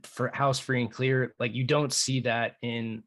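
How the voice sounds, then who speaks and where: A man hosting a podcast, talking in a relaxed, reflective way with plenty of fillers. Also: medium pitch, unhurried. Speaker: podcast host. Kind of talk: casual podcast conversation.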